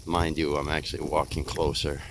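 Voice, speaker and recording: Male hunter, very deep and fairly flat, hushed wildlife-watching narration, low-key delivery, noisy outdoor recording with hiss. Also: normal speed, creaky. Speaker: hunter narrating his outing to viewers. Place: outdoors in falling snow.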